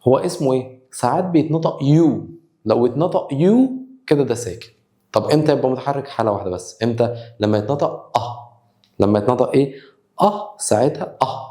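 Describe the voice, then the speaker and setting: A man with an Egyptian Arabic accent teaching English grammar, repeating example words slowly and sounding them out. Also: mid-range voice, expressive, warm tone, roomy sound. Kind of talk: spoken grammar lesson.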